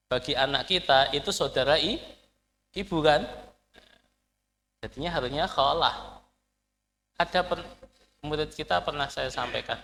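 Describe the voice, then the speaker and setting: A man's voice: on the high side, bright, forceful tone. A man teaching an Arabic class, explaining patiently and quizzing his students. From Indonesia. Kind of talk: classroom lesson. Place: lecture hall. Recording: long hall reverb.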